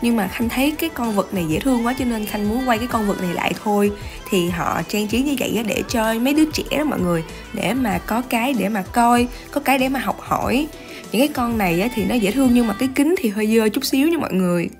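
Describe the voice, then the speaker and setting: A woman's voice: on the high side, quick pace. A young woman with a Southern Vietnamese accent, chatting enthusiastically to viewers in a casual travel vlog while filming herself at arm's length. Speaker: vlogger. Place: outdoor shopping mall and shops. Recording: music playing under the voice. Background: background music.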